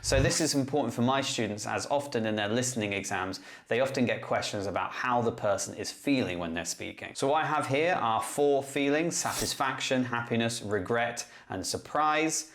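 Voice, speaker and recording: A man who teaches English, talking through a step-by-step tutorial in a clear, methodical way. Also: mid-range voice, normal speed, few pauses, a bit bright. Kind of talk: classroom-tech tutorial explanation.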